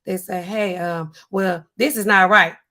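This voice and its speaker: Reading viewer comments in a relaxed livestream chat, a hoarse pharmacist streamer speaks in a husky, weak voice. She's animated, yet drops her tone and slows down for a stern effect. A neon sign hangs in her home studio.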